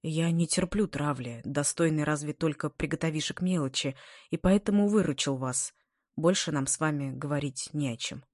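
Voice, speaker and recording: A woman reading a story, voicing a calm, serious and honest young student. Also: sits low, normal speed, dry recording, clean studio sound. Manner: calm, serious, slightly mocking.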